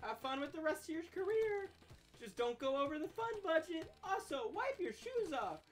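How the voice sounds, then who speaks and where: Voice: high voice, very animated, moderate pace, faint music behind, voice pushed up. A streamer voicing Oscar, a cheery and pushy male office coworker, in a bubbly, teasing voice. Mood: chipper.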